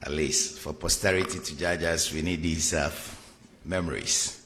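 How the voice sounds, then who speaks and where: Deep-voiced master of ceremonies, a man. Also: fairly even intonation, normal speed, fairly bright tone, slight background noise. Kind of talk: formal event announcing.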